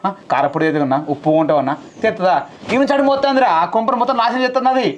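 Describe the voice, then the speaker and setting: A young man with a Telangana Telugu accent, playing a village husband who scolds his wife for dowry in quick, threatening bursts. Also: high-pitched, animated, lo-fi sound, slight background noise. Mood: complaining. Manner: scolding, rapid-fire, threatening. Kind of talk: village comedy sketch acting.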